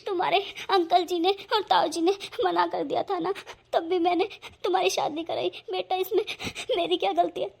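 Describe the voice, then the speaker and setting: A frail old mother-in-law from a cartoon, voiced by a woman, her high voice thin and soft. She coughs between pleading, tearful words. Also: little pitch movement, a little slow, long pauses. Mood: anxious. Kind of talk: cartoon voice acting.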